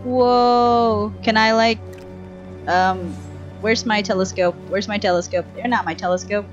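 A woman's voice: mid-range voice, fairly even intonation, measured pace, lo-fi sound. A young woman giving casual live gameplay commentary on a headset mic, chatty and thinking aloud in short bursts. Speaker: game streamer. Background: faint game music.

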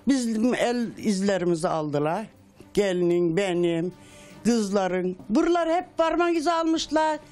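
A woman's voice: mid-range voice, expressive, unhurried, a little mellow, soft background music. An older widow giving emotional testimony in her home, retelling events and acting out the quoted dialogue in a raised voice.

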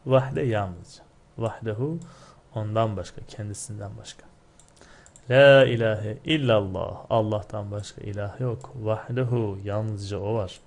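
Low-voiced man teaching Arabic grammar. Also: steady tone, dark tone. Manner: reads Arabic slowly, then explains quickly in Turkish. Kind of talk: textbook lesson, reading and translating line by line.

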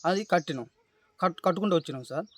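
A man with a Telangana Telugu accent giving distressed, halting testimony in an interview, pleading and repeatedly addressing the listener as sir. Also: fairly high pitch, fairly bright tone. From Telangana, India. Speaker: complainant describing police abuse.

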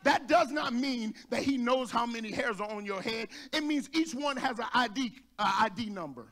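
Male pastor with a light Texan accent, high voice, lively preaching, shouts and jokes in a church. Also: moderate pace. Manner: animated preaching, shouting at peaks, joking with congregation. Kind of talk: sermon. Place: church sanctuary.

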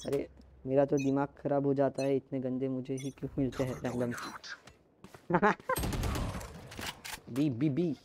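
Man, game streamer, chatty, jokey, quick callouts, medium pitch. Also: little pitch movement, noisy background. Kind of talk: casual live-stream chat and game callouts. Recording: gameplay audio with gunfire behind.

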